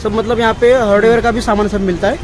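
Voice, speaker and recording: A man's voice: sits high, little pitch movement. A man in his thirties hosting a casual market vlog, chatty as he shows wares in a cluttered shop. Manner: chatty, quick acknowledgements. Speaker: vlogger host. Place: cluttered indoor shop and warehouse.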